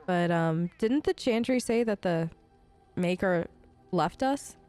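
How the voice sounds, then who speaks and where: A woman with a fairly low, smooth, slightly mellow voice speaks slowly but with animation. As a gaming host role-playing her player character in a let's play, she improvises chatty, casual, slightly hesitant replies over game music.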